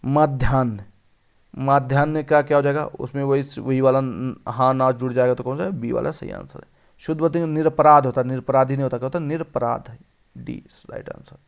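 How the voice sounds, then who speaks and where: A man's voice: mid-range voice, steady tone, brisk, clean tone. A male teacher running an exam-prep spelling lesson, repeating each word and quizzing the viewer.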